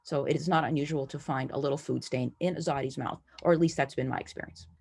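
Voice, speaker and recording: A woman's voice: very deep voice, steady tone, fast talker, creaky, darkish tone, breathy edge. A woman from the United States giving a friendly, enthusiastic presentation over slides from home. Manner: friendly, enthusiastic, lightly playful. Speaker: collector presenting a talk.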